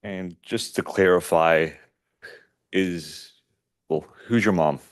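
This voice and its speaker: Male attorney, very low voice, measured courtroom questions.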